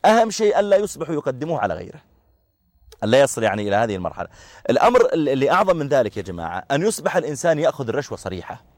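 Male religious teacher, quick conversational delivery, uses everyday examples, dry recording. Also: mid-range voice, big pitch swings, darkish tone, no echo. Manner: explains through everyday examples, with frequent filler pauses.

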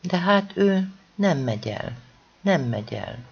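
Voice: mid-range voice, big pitch swings, vocal fry, slightly rough, muffled recording, pitched above the performer's own voice, heavily acted. An audiobook reader voicing a distraught woman on a farm who pleads and then lashes out shrilly. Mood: desperate.

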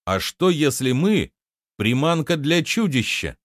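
A man's voice: fairly high pitch, sing-song, measured pace, dry recording, clean studio sound, voice pushed up. A man doing an earnest, heated peasant boy. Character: angry, determined peasant boy. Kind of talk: audiobook character reading.

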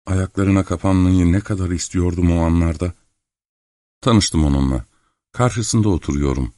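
A man calmly narrating a literary novel in the first person as an audiobook reader. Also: low-pitched, no echo, studio quality. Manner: calm, measured storytelling.

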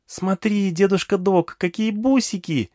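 A man voicing a chatty, excitable little girl who fires off eager questions in an audiobook. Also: sits high, a little slow, no echo, clean studio sound, pitched above the performer's own voice. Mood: chirpy.

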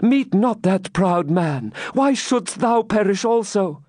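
A man's voice: high-pitched, expressive, slow, darkish tone, no room sound, studio quality, pitched above the performer's own voice, exaggerated voice. A man reading aloud and voicing a frightened young woman who pleads with her champion. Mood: pleading. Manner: fluttering, pleading.

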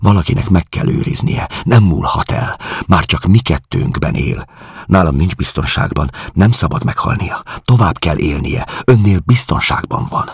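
A man reading an audiobook, voicing a grieving middle-aged refugee who speaks in a quiet, confessional, searching way. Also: sits low, lively intonation, husky, no room sound, clean studio sound, full character voice.

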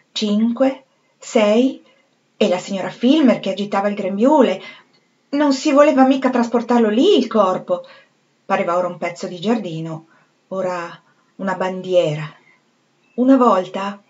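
A woman reading a novel aloud in a measured, expressive literary style. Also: mid-range voice, highs cut off. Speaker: reader.

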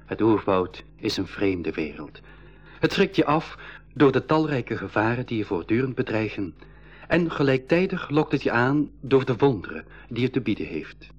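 In a school radio drama, a man with a mid-range voice and big pitch swings plays an eager young boy adventurer, Marleen's younger brother, who narrates his own journey at a normal speed. His mood is measured and wondering, and he serves as both narrator and character. The recording has a dull 1980s radio sound.

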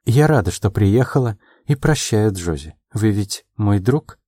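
A man voicing a proud, quick-tempered young woman in an audiobook, her lines pitched a little above his own and delivered in quick, emotional replies. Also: expressive, warm tone, dry recording, clean studio sound. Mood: anxious, hopeful.

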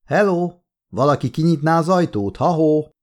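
Brief: male audiobook reader doing slim young office newcomer, low-pitched, feisty, relieved. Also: animated. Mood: calling out. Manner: swearing under his breath, then shouting and laughing it off. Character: slim young man, new office worker, quick-tempered but good-humored.

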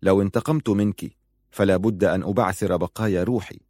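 A man's voice: deep voice, steady tone, a little fast, mellow, no room sound, clean studio sound. A man voicing a young soldier who speaks in a firm, decisive way, then patiently and tenderly.

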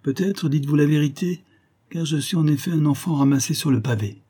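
A haughty young bandit leader, put on by a male narrator, speaking with crushing calm contempt. His voice sits high and carries force, though it keeps a husky, mellow grain. He is an audiobook figure who gives orders to his men. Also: brisk, lightly acted. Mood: defiant. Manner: contemptuous, commanding. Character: bold young male bandit chief, scornful and proud.

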